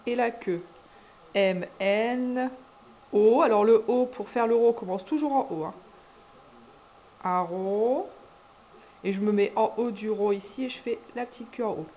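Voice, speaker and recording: A woman teaching cursive letters to young children, calmly talking through each stroke as she writes. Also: medium pitch, gravelly, slight background noise, poor audio. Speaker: kindergarten teacher. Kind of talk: handwriting lesson, step-by-step.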